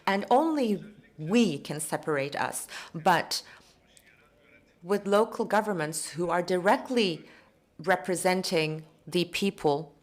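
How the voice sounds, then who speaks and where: Interpreting conference speeches into English in real time, this woman sounds measured and somewhat halting while she tracks the speaker. Her pitch sits on the low side.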